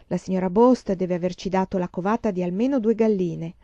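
Lady reading a proper strict pioneer mom from a storybook, earnest, disapproving, mellow tone. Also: on the low side, brisk, no room sound, muffled recording, natural voice.

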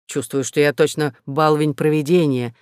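A man's voice: fairly high pitch, steady tone, moderate pace, darkish tone, clear, resonant tone, dry recording, studio quality, lightly acted. Man doing a kindly, sentimental old count. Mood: tender.

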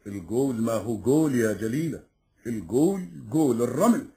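An actor playing a grave, fatalistic emir with a solemn, portentous delivery in a folk epic drama. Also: male voice, mid-range voice, animated, normal speed, mellow, close to an everyday voice. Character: grave emir of legend, fatalistic bearer of prophecy.

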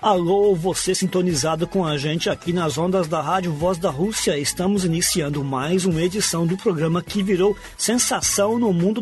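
A man hosting a radio programme, presenting from a script. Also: high voice.

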